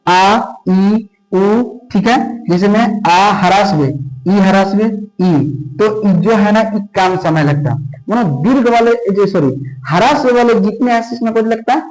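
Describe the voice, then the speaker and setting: A man teaching a grammar lesson for exam students, his voice sitting high for a man. He repeats each term and answers his own questions in a steady drilling rhythm. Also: measured pace, rough recording. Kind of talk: classroom lesson explanation.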